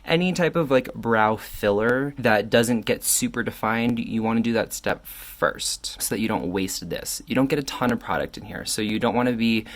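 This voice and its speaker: Tipsy guy doing a makeup tutorial, kinda low voice, rambly, cheeky, keeps correcting himself. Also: moderate pace, hardly any pauses. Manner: rambling, self-correcting, loses train of thought. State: tipsy from wine. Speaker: makeup reviewer.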